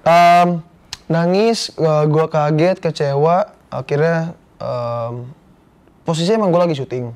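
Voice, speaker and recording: A man's voice: on the high side, a little slow, a little mellow. A young man, a guest actor telling a personal story in casual, slangy, earnest talk. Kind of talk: casual interview chat.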